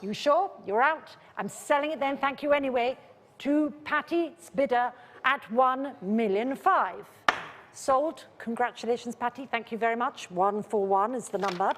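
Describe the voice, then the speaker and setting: A woman's voice: fairly high pitch, normal speed, slight background noise. A woman auctioneer calling a live sale, repeating bid figures insistently in a polite, controlled way. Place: large indoor auction room. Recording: reverberant large saleroom.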